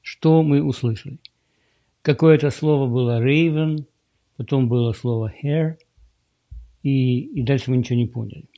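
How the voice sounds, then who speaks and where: Gravelly, dark-voiced man teaching English. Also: mid-range voice, dry recording. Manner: explains patiently, slowly repeats English words. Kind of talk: casual screen-share language lesson.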